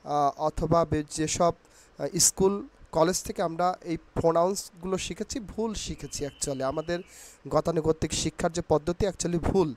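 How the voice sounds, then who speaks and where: A man's voice: fairly high pitch, fairly even intonation, moderate pace, a little mellow. A man with a Bangladeshi accent teaching English pronunciation, repeating each word several times and mixing English phrases into his talk. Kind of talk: casual spoken lesson.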